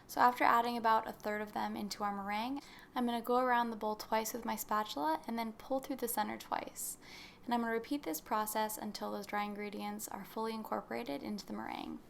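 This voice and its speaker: A woman's voice: on the high side, gravelly, slight background noise. A young woman narrating a baking recipe as a voice-over, explaining each step in a friendly instructional way. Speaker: baking channel host.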